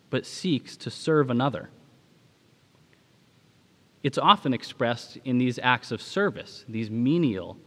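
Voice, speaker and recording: A man's voice: medium pitch, a bit bright. Man preaching in a reverberant hall. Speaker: pastor. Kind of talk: sermon.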